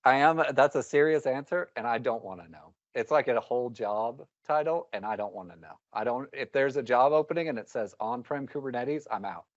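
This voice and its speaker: Talking briskly with few pauses in a medium-pitched voice, a man gives a technical talk to a live meetup audience. He's wry and rambling with candid asides. The recording is dry, dull and muffled.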